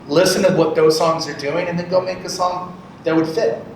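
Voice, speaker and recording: A radio programmer in his late thirties, appearing as a guest speaker, gives an informal instructional talk to a group, explaining conversationally and checking in with short questions. His voice is on the high side, with fairly even intonation at a normal speed. The room is echoey, the mic distant, and background noise loud.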